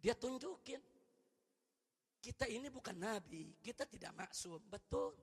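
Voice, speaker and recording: A man preaching a fiery sermon. He shouts rebukes and drops low and soft for prayers, often calling his listeners "brothers" and asking them questions. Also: animated, measured pace, breathy edge, in a large hall. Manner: addresses listeners as "saudara" with rhetorical questions.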